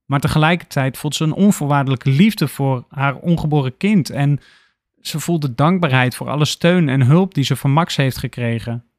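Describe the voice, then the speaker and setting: A man narrating an audiobook story in a steady, even delivery. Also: medium pitch, normal speed, no room sound, studio quality.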